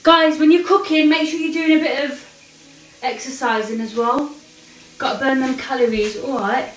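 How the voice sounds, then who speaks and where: A woman's voice: high-pitched, steady tone, moderate pace, far from the mic. A young woman from the UK with a British accent, chatting playfully on a home cooking livestream and calling viewers darling. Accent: British English. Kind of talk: live cooking chat, reading viewer comments. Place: home kitchen. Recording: roomy kitchen echo. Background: faint music and frying sizzle.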